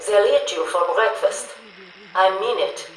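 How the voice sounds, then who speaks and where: Sober female senior doctor voiced by an actress, cautionary, medium pitch, distant roomy game tape. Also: unhurried, a little hiss or hum, natural voice. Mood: grave warning. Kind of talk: video game interview tape acting.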